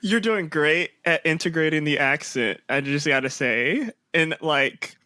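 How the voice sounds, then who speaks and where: Bright-voiced male co-host. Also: on the high side, a little slow, dry recording, studio quality. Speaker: podcast co-host. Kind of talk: casual chat.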